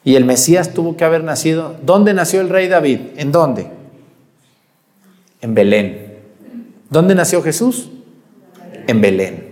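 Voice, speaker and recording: A man's voice: on the high side, expressive, unhurried, long pauses, a little mellow, big-room sound. A man preaching a sermon, asking the congregation questions and answering them himself.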